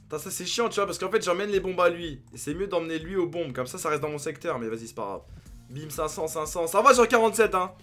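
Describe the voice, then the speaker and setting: A young man commentating his own game as a gaming youtuber, thinking aloud and breaking into excited outbursts. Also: fairly high pitch, quick pace, soft background music. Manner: excitable, talks to himself, sudden outbursts.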